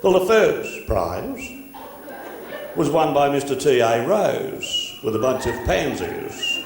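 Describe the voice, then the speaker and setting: List: man doing pompous old announcer, slow formal drawl, faint ambience. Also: mid-range voice, very animated, creaky, noisy background, full character voice. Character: pompous older man announcing garden-show prizes. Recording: echoey hall with faint ambience.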